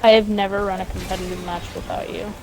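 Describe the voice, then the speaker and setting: A woman's voice: medium pitch, level tone, fast talker, background noise. A woman chatting casually while streaming a video game with friends, making dry, wry remarks. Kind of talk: casual gaming chat. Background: game music.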